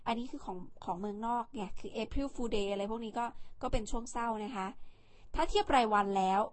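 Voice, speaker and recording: A woman hosts her own vlog, chatting casually to the camera. Her voice sits a little high, and her manner is talkative, playful and teasing. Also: brisk. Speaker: vlog host.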